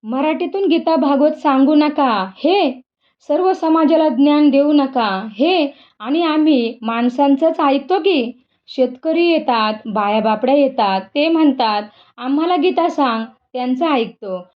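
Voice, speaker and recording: A woman's voice: high-pitched, a little slow. A cheeky young sister teases and mocks her elders, as a woman reads her aloud. The storybook reading is heard on a dull, lo-fi recording. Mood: teasing. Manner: teasing, mocking.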